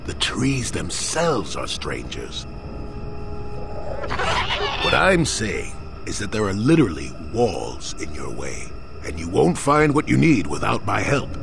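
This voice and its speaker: Low, creaky, wry old hermit. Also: male voice, background noise, exaggerated voice. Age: older. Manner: sardonic, evasive, theatrical. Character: gruff, wry old hermit with a hidden past. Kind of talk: video game dialogue acting.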